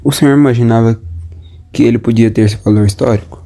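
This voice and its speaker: A man's voice: mid-range voice, steady tone, quick pace, vocal fry, dark tone. A young man hosting a school podcast, reading formal questions. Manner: read, formal. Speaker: interviewer.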